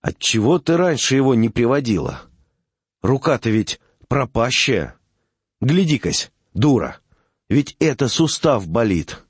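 A man's voice: medium pitch, sing-song, unhurried, breathy edge, no echo. A man reading the part of an impatient country doctor who scolds and mocks his patients. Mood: gruff. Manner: mocking, scolding. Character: gruff rural male doctor, impatient and scolding.

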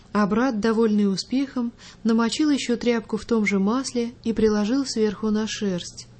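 Mellow-voiced woman reading a story. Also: on the high side. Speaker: radio host reading a story aloud. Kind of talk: calm literary reading.

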